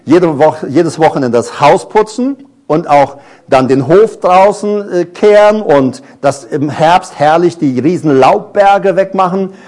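A middle-aged male preacher in full sermon. His voice sits high and leaps up and down, lively and expressive. He draws the congregation in with questions and stories from his own past. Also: measured pace, hardly any pauses. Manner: animated, asks the congregation many questions; tells personal stories.

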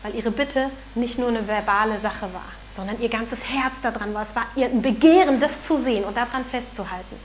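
An earnest woman preaches a sermon with a fairly high voice. She talks in an animated way and sometimes acts out the people she quotes. Faint noise hums underneath the recording. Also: a little fast, few pauses, low-quality recording.

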